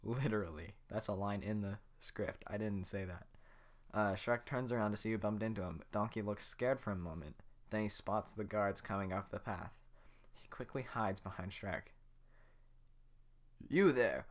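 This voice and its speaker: A man's voice: fairly low pitch, fairly even intonation, moderate pace. A man hosting a podcast, reading a script aloud in a casual, joking way with offhand asides. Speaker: podcast host.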